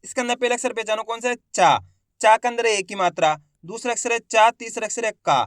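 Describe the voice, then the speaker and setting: A man's voice: extremely high pitch, fast, a bit bright, dry recording, studio quality. A man teaching reading: he sounds out each syllable, then blends them into whole words, and encourages viewers as friends. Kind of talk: slow spelled-out reading lesson.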